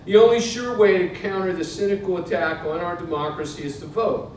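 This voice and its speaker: A man in his sixties from Pittsburgh, with an American accent, reads from his own book to a live audience in an indoor museum event space. His voice is darkish, fairly even in intonation, and fairly quick. The recording comes from a distant mic in a very echoey hall, with a noisy rumble.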